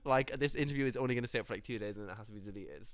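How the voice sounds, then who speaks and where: A man's voice: on the low side, rapid-fire, no room sound. A young adult man with an Irish accent, a musician and teacher chatting in an interview, jokey and full of "like". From Ireland. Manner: chatty, jokey, heavy use of "like". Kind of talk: casual interview chat.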